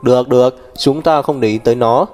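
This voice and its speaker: A man's voice: medium pitch, brisk, soft background music, close to an everyday voice. A man voicing a doting, boisterous old great-grandfather who fusses cheerfully over the children. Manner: warm, fussing and cheerful.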